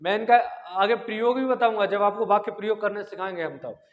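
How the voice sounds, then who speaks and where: In an exam-prep lecture, a man teaches Sanskrit grammar in a high voice at a quick pace, posing questions to the class, answering them himself, and sounding out the lip consonants aloud. He's in a large hall, and the audio is dull.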